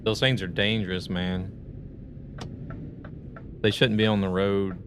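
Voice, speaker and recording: A man with a low voice live-streams a truck game, talking slowly with little change in pitch. He rambles in a conversational way and greets his viewers, with noise audible in the background.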